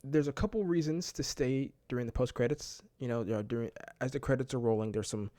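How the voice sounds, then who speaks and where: A man's voice: medium pitch, quick pace, dark tone, no room sound, clean studio sound. A man giving a casual movie review, enthusiastic and rambling, laughing often and filling his talk with casual fillers. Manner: filler-heavy, keeps saying "like" and "man".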